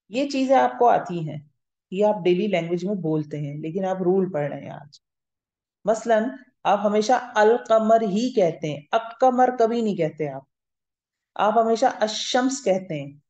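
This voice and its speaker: A woman's voice: fairly low pitch, warm tone. A woman teaching grammar in a class. She explains step by step, patiently, and often checks that her students understand. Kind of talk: classroom lecture. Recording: roomy, slightly muffled lo-fi recording.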